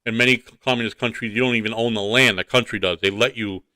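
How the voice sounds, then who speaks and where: A man's voice: fairly low pitch, steady tone, quick pace, pushed and bright, no room sound. A man co-hosting a casual morning show, talking in blunt, rambling, repetitive banter. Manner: blunt, rambling, repeats himself.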